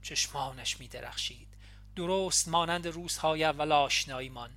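A woman narrating an audiobook in the first person, calm and measured. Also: deep voice, no echo. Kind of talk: audiobook reading.

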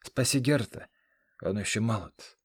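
A man voicing a dying old warrior who speaks weakly but steadily, calm and resigned. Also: fairly low pitch, measured pace, slightly rough, no room sound, studio quality. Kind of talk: audiobook character reading.

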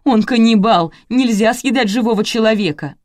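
A woman's voice: mid-range voice, normal speed, no echo, clean studio sound, natural voice. A woman reading the part of an indignant, bossy older mother-in-law in an audiobook.

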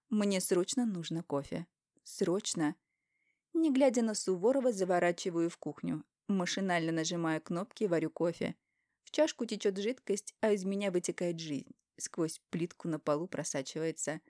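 A woman's voice: lowish voice, mellow, dry recording, studio quality. A woman narrating an audiobook in the first person, with an emotional, confessional reading.

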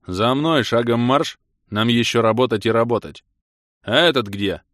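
A man's voice: medium pitch, very animated, normal speed, a bit bright, dry recording, pitched above the performer's own voice. Male reader doing a stern officious fantasy guard, raised and commanding, dry close sound. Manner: commanding, brooks no objection.

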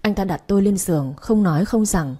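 A woman's voice: medium pitch, brisk, dark tone. A woman reading a first-person story aloud, narrating steadily and expressively. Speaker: audiobook narrator.

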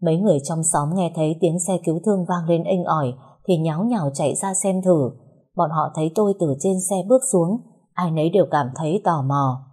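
A woman narrating a first-person story in a somber, measured way. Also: low voice, dark tone, slightly rough.

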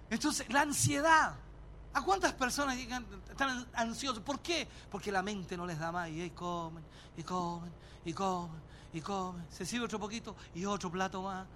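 A male pastor preaches with a very high, bright and forceful voice. He is emphatic and often shouts, acting out little scenes for the congregation. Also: normal speed, a little hiss or hum. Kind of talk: sermon.

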